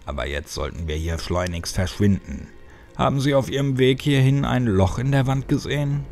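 A man voicing a weary captive male doctor who speaks tersely in a low, strained voice. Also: normal speed, a little mellow, natural voice.

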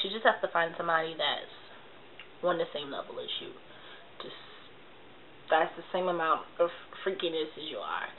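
A young adult woman vlogs about relationships from a small indoor bedroom, her lowish voice congested and nasal from a cold that leaves her slightly sick. She chats casually and confessionally to camera, tossing in slangy asides and smacking her lips. The webcam mic sits at arm's length, giving tinny, lo-fi audio with hiss.

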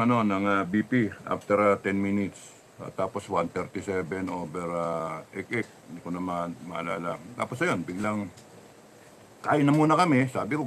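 Man, low voice, casual rambling storytelling, halting with restarts, faint background noise. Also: fairly bright tone.

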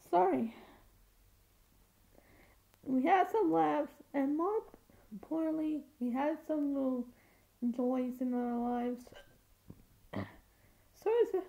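A woman's voice: high-pitched, slow pace, gravelly, pauses often, warm tone, muffled recording. A woman with hiccups reacting casually to clips, exclaiming and laughing as she watches. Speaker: video reactor.

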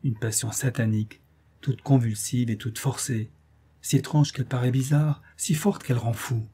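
Dark, husky-voiced male narrator. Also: mid-range voice. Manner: measured, expressive reading. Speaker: audiobook reader. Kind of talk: scripted literary narration.

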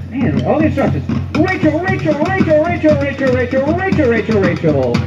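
Guy reading shout-outs over a stadium PA, really high and lively voice, jokey, echoey muffled sound. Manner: playful, jokey asides. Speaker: stadium announcer. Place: outdoor stadium at a band show. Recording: echoey lo-fi stadium PA with faint music.

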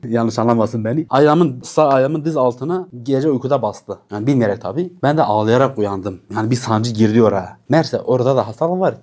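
Interview guest, man in his late twenties, quick and earnest, warm low-toned voice. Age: 20s. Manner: earnest, emphatic when making a point. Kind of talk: personal life story in an interview.

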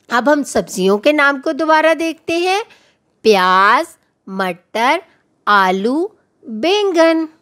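Slow, high-voiced woman teaching children. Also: a bit bright. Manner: slow, sing-song naming of words for children. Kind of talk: children's lesson.

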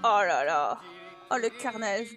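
A woman hosting a casual let's-play, chatty and expressive, full of exclamations and filler words. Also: mid-range voice, slow pace, faint music behind. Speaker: gaming channel host.

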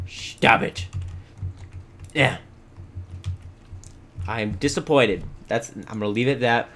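A man hosting a casual gameplay video, who mock-scolds his animals in loud bursts and then mutters to himself as he builds. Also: mid-range voice. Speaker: let's play host.

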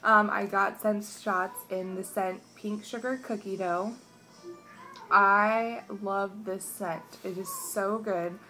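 A woman's voice: medium pitch, steady tone, slow pace, bright, forceful tone, soft background music. A young woman chatting casually through a haul video at home, rambling with many restarts and sounding stuffed up. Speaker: vlogger. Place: home, morning.

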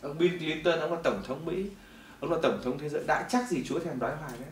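Fast-talking male preacher in echoey hall. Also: on the high side, slight background noise. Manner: animated storytelling, swinging between loud and hushed. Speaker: preacher giving testimony. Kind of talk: testimony sermon. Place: church hall. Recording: echoey hall, mic at a distance.

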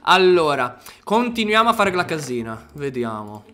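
A man hosting a casual multiplayer game session with friends, excitable and yelling when monsters attack. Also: a little high, moderate pace, crowd noise. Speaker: gaming channel host.

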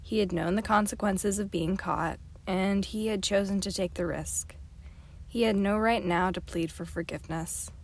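A woman reading a novel aloud as an amateur audiobook narrator, in a steady, clear storytelling manner. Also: mid-range voice, normal speed. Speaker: audiobook reader.

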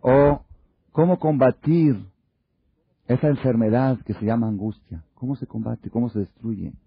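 A man with a husky voice delivers a religious lecture and presses his listeners with one rhetorical question after another. He often slips into short acted-out exchanges to illustrate his points. The recording is dull and lo-fi. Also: medium pitch, unhurried. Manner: asks many rhetorical questions; acts out little dialogues. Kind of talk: Torah lecture to an audience.

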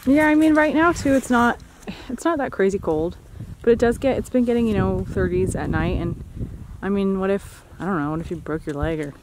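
A woman's voice: medium pitch, brisk, noisy background. Woman explaining on an outdoor hike. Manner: explanatory, thinking aloud. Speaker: vlogger. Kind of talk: casual outdoor vlog chat. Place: outdoors in the woods.

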